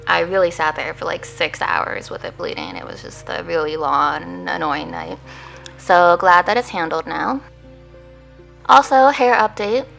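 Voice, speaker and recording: A woman's voice: fairly low pitch, very animated, unhurried, gravelly, a bit bright, faint music behind, low-quality recording. A woman who is a patient, talking casually to viewers in a personal video diary. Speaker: patient vlogger.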